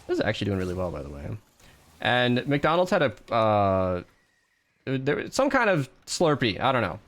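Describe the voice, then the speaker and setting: Lively, rambling male streamer. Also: medium pitch, normal speed. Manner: animated, rambling, laughs often; self-deprecating. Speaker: live streamer. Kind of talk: casual live-stream chat while gaming.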